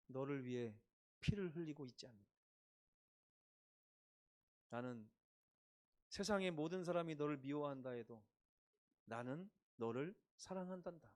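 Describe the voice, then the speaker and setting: A pastor voicing a soft, tender Jesus. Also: male voice, lively intonation, a little slow, pauses often, natural voice. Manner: soft, low, gentle. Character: tender loving Jesus speaking to a thief.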